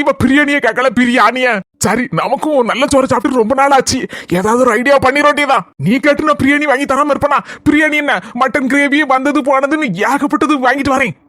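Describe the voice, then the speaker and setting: A woman voicing a boastful, penniless husband in a comic cartoon, with a Kanyakumari Tamil accent and a teasing, smooth-talking manner. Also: high voice, fairly bright tone, no room sound, studio quality. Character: boastful broke husband back from abroad.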